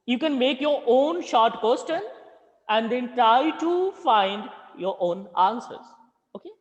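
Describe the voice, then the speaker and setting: A male teacher, leading an online class, slowly repeating questions and calling on students by name. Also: very high-pitched, lively intonation, long reverb tail, lo-fi sound. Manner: slow, repeats questions and calls on students patiently.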